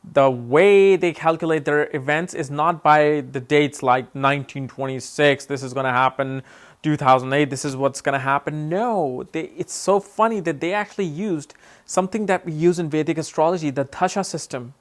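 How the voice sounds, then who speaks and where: A man's voice: on the high side, normal speed. A man talking casually to his viewers in a rambling, tipsy way, saying he is losing his voice. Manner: rambling, says he is a bit drunk. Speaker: astrology vlogger. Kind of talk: casual talk to camera.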